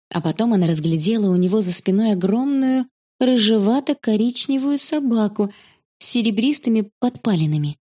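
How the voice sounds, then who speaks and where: A woman narrating a children's story in a calm, even storytelling manner. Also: medium pitch.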